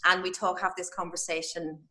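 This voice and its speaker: A middle-aged woman, a parenting coach, calmly and earnestly explaining in a podcast interview. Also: fairly low pitch, brisk. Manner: calm, earnest, speaks in gentle quoted phrases to children.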